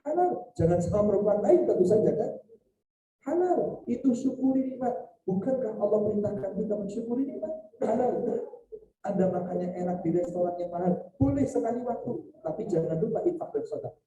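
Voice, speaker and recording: A man's voice: high-pitched, brisk, noisy background. A man preaching a sermon on marriage at a celebration, joking and quizzing his audience. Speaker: Islamic preacher. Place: event hall. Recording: echoey hall, mic far off.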